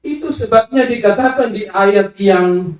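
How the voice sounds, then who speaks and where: A woman's voice: mid-range voice, lively intonation, measured pace, a little mellow. A woman preaching a sermon, emphatic and calling out to the congregation, sometimes singing her phrases. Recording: echoey hall, voice from far off.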